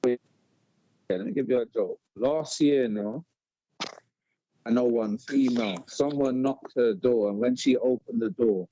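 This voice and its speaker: A man's voice: medium pitch, measured pace, pauses often, warm tone, no echo. A man telling a story in street slang on a live-stream debate, repeating words as he goes. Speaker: panel guest. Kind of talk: casual debate chat. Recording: dull lo-fi live stream audio.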